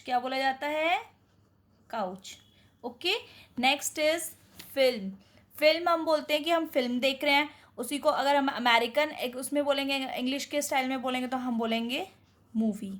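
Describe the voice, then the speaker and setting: A woman teaching English vocabulary in Hindi, quizzing viewers and repeating each answer more softly. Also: high-pitched. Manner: mixes Hindi and English words.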